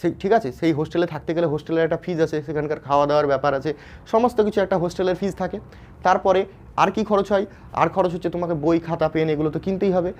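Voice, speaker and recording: A Bengali-accented man from West Bengal, India, gives students an informal explainer lesson in a fairly high, fast, slightly mellow voice. He keeps asking "ঠিক আছে?" to check they follow, and his speech is full of fillers and restarted phrases.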